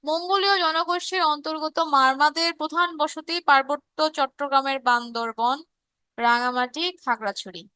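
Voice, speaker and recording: A woman's voice: high voice, fairly even intonation, normal speed, sharp tone, dry recording. A woman teacher with a Bangladeshi Bengali accent, leading a live online revision class, explaining and reading out student chat questions. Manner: reads chat messages aloud and answers students; explanatory, with frequent fillers and restarts.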